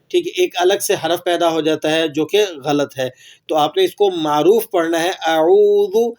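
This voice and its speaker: A man's voice: a little high, a little mellow. A man teaching Quran recitation rules in a patient lesson, asking questions and then answering them, and repeating phrases for learners to echo. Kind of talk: tajweed lesson.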